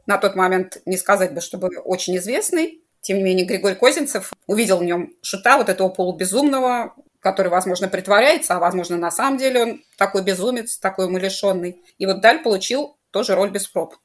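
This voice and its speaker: A woman co-hosting a conversational film discussion, talking in a measured, explanatory way. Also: medium pitch.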